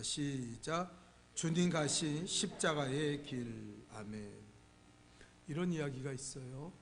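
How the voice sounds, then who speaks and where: A pastor in his fifties preaches in a church, with a fairly high voice. He tells stories dramatically, dropping soft and then rising loud, over a faint hum in the background. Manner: dramatic storytelling, swings between soft and loud. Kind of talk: sermon.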